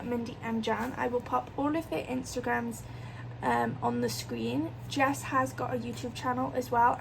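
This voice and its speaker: A British woman chatting casually as the host of a colouring vlog. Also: fairly high pitch. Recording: clear fan noise behind voice. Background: electric fan.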